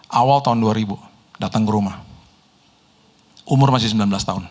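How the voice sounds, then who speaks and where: A middle-aged man, preaching a sermon told through lively personal stories and chuckles. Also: lowish voice, fairly quick. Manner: lively storyteller, mimics people in quotes, laughs often. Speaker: pastor.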